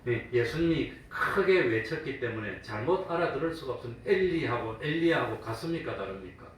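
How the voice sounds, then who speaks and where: A pastor with a slightly bright, mid-range voice preaches a sermon in a church sanctuary, posing questions to the congregation and answering them himself. He mimics mockers in a raised, taunting voice, captured from a distance in a very echoey room with a faint hum.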